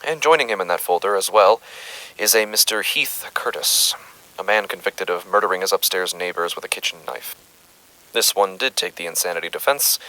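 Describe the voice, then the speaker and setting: A man's voice: low-pitched, bright, forceful tone, rough recording. A man playing an uneasy, methodical doctor who records case findings formally and hesitantly in a horror audio drama.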